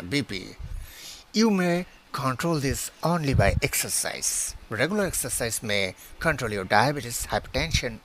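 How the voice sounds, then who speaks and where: A man, a pharmacist promoting a product on his channel and reading out its specs haltingly, recorded outdoors on a phone held at arm's length. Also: fairly low pitch, creaky, fairly bright tone, a little hiss or hum. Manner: halting, many hesitations, reads list items one by one. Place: outdoors beside plants.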